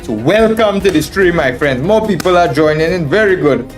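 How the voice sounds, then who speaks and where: A slightly high-pitched man with lively intonation and an everyday speaking pace comments on a live game. Hailing from Trinidad and Tobago and carrying a Trinidadian accent, this chess streamer and instructor thinks aloud, repeats phrases, and calls viewers his friends over background music.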